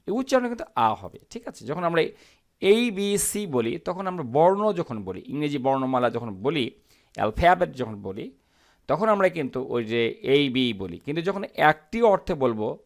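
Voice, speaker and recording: A man teaching English in Bengali who asks his students questions and answers them himself, reading the English sentences out slowly. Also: fairly high pitch. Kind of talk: explaining lesson in Bengali.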